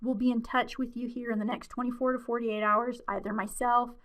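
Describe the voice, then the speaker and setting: A woman's voice: on the high side, flat delivery, brisk, fairly bright tone. A woman presenting a webinar in a friendly, conversational way with frequent fillers, her voice wearing out. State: losing her voice.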